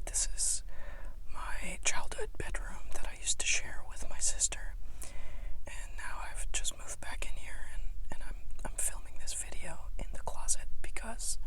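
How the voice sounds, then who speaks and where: A young woman talks in a soft, breathy whisper from inside a small closet. Her pitch sits mid-range but rises and falls a great deal, and she pauses often with fillers as she speaks. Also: rough recording. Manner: soft unvoiced whisper throughout, halting with many fillers. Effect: close, quiet whisper from inside a closet. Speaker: ASMR channel creator. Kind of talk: whispered personal vlog.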